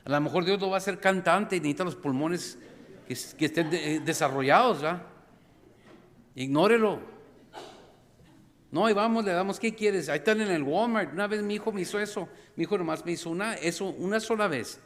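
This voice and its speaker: A middle-aged pastor delivers an animated sermon, acting out scenes with sudden cries and addressing the congregation as brothers and sisters. His voice sits high and moves a little fast. Recorded in a church sanctuary, it carries the long reverb of a church hall.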